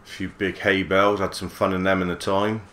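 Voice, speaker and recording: Male let's player, deep monotone voice, laid-back musing. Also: normal speed, slight background noise. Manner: relaxed musing, mild swearing. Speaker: gaming channel host. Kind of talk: let's play commentary.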